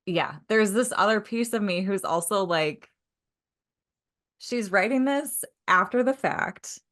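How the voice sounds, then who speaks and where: A woman's voice: mid-range voice, animated, takes it slowly, a bit bright. A woman co-hosting a podcast, speaking thoughtfully and asking probing questions. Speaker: podcast co-host. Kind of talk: casual podcast discussion.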